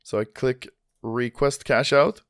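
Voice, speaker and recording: A young man giving a relaxed, chatty step-by-step tutorial. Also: medium pitch, slow pace, smooth. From Sweden. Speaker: gaming YouTuber. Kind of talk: casual tutorial.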